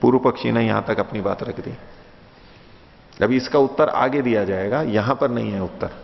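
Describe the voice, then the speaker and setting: A man giving a lesson on Vedic philosophy, reciting Sanskrit lines slowly and then explaining them in a conversational, questioning way. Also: mid-range voice, vocal fry. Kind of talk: lecture explaining Sanskrit sutras. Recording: dull lo-fi audio with long reverb.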